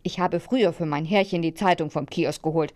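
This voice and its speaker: A woman's voice: lowish voice, fairly quick, a little mellow, close to an everyday voice. Woman voicing a grumbly helpful dog, easygoing, storybook.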